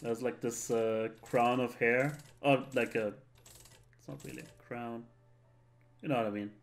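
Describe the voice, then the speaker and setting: A man's voice: medium pitch, fairly even intonation, unhurried, vocal fry. A man giving laid-back, meandering live commentary on a video game he is playing. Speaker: let's player.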